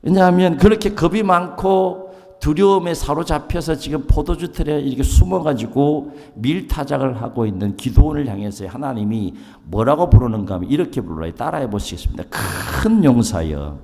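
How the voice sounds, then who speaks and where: A male pastor preaching a sermon in an animated way, often putting questions to the congregation and acting out quotes. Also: fairly high pitch, fairly quick, gravelly. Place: church sanctuary. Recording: long hall reverb.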